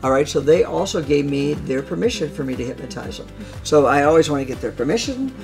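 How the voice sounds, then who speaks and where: A man with a fairly high, gravelly-creaky voice talks in an explanatory interview style as a hypnosis trainer. He is emphatic and repeats phrases to stress them. Light music plays behind him. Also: animated, fast talker.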